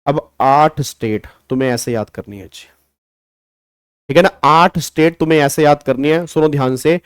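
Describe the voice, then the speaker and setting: A man in his thirties teaching an accounting exam class, animated and digressive, slipping into jokes and mimicry. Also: fairly high pitch, normal speed, smooth, no echo, clean studio sound. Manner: animated, digressive, mimics baby talk and sings snatches. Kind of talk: lively classroom lecture.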